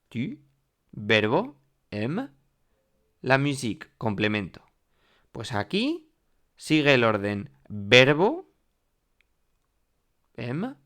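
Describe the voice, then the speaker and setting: A male teacher whose first language is Spanish walks students through a French grammar lesson. His voice sits at an ordinary middle pitch, and he leans on rising emphasis to mark key words. He often checks in with the class as he explains. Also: fairly bright tone. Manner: explanatory, repeats "¿vale?" and "mirad" often.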